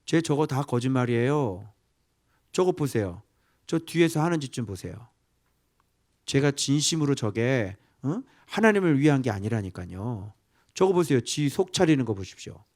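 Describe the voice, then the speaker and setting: A sneering, tattling male devil pleads his case against a believer, wheedling and pointing fingers, as a pastor puts him on mid-sermon. The tone is ordinary in pitch but swings about freely. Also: big pitch swings, normal speed, a little mellow. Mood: accusing.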